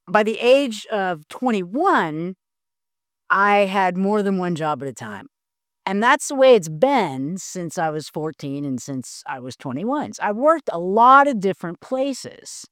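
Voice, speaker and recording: A woman pastor delivers a sermon in a slow, unhurried way with strongly varied pitch. Her storytelling is animated and full of restarts. The sound is dry and close. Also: no room sound.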